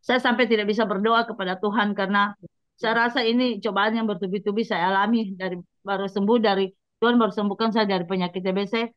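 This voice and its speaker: A woman's voice: medium pitch, steady tone, fast, dry recording. Earnest woman giving a religious testimony. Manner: earnest, speaks straight to listeners. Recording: dull lo-fi dry sound.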